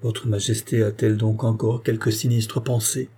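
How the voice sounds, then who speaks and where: An anxious, devoted lady's maid, voiced by a male narrator in a storybook reading. She speaks in a hushed, worried way, and the tone is mellow and a little husky. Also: lowish voice, level tone, normal speed. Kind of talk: audiobook character voice.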